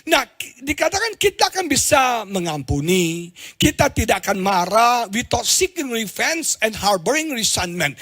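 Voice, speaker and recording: A middle-aged man with an Indonesian accent preaching a sermon as a pastor, telling stories with sudden loud exclamations and low asides. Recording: live church stream with faint music behind.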